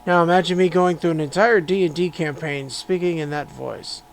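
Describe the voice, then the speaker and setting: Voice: medium pitch, a little fast, creaky. A podcaster thinking aloud while editing a story, muttering and correcting words as they go. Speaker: podcaster and writer. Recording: noisy room with constant hum.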